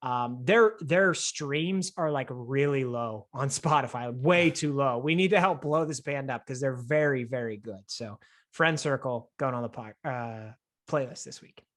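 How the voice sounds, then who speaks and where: A man's voice: medium pitch, measured pace, fairly bright tone. A man from the Pittsburgh area co-hosting a casual podcast over a remote call, upbeat and enthusiastic, laughing easily. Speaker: podcast co-host.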